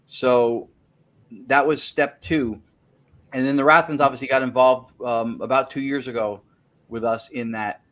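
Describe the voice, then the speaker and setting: This interview guest, a man who researches spirit communication, has a medium-pitched, fairly bright voice with fairly even intonation and a measured pace. He explains a technical method in detail, repeating words as he thinks and correcting himself.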